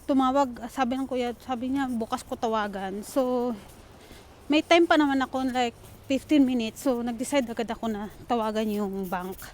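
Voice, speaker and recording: Filipino woman vlogger, high bright voice, chatty casual storytelling, filmed on a phone outdoors in the rain with traffic and wind behind. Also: moderate pace. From Philippines. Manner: chatty, addresses viewers as guys, mixes English into Filipino. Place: outdoors in the rain, waiting for a train. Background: rain, wind and passing vehicles.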